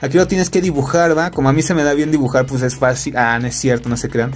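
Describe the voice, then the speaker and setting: A man's voice: mid-range voice, steady tone, fast. Chatty Mexican man narrating gameplay. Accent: Mexican Spanish. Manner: joking, chatty, full of fillers and tag questions. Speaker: gameplay commentator. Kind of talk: casual gameplay commentary. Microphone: laptop recording.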